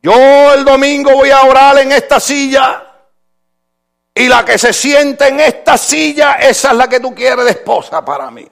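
A man playing a lovestruck young churchgoer with a high, strained voice. He prays loudly and earnestly, and protests in a flustered rush, told within a sermon story. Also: unhurried, creaky, heavily acted. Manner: earnest pleading prayer, loud protest.

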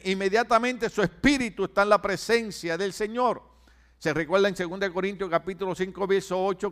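A man preaching as a pastor, drawing out key phrases slowly and having the congregation repeat words back to him. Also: high voice, a bit bright. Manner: preaching with call-and-response to the congregation. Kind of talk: sermon.

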